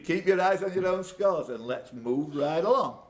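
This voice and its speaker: Running a live pub quiz indoors, this quiz host reads out questions and then jokes around off the cuff with contestants. His voice is fairly high with lively intonation at a moderate pace, and pub-room noise fills the background.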